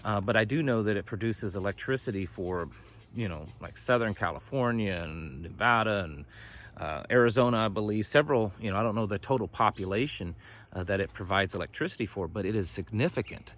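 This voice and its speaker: Speaking a little fast in a lowish, somewhat bright voice, this middle-aged American vlogger runs a homesteading and prepping channel. He chats folksily to camera outdoors among ducks, wandering off topic and leaving thoughts unfinished.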